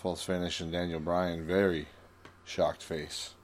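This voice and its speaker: A man's voice: low-pitched, level tone, a little slow, a little hiss or hum. A man co-hosting a podcast in casual chat, laid-back but emphatic, acting out moments he watched. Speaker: podcast co-host.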